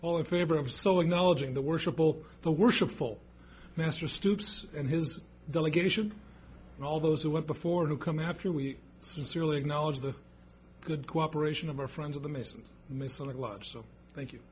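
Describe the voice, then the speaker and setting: A man's voice: fairly high pitch, fairly quick, slight background noise. A man serving as mayor, chairing a city council meeting with a joking, folksy but formal manner.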